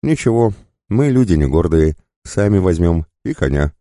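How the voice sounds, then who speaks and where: Sly cruel bandit, read by a man, jeering, higher voice, dry close sound. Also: big pitch swings, moderate pace, dark tone, no room sound. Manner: jeering, goading.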